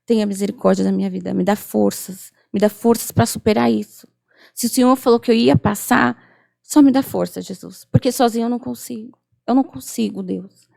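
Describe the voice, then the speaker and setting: Brazilian woman guest in her 30s, heavy gravelly fry, earnest testimony voice. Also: fairly high pitch, moderate pace, a little mellow. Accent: Brazilian Portuguese. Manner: earnest storytelling, acts out remembered dialogue. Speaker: podcast guest. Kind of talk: emotional testimony in casual chat.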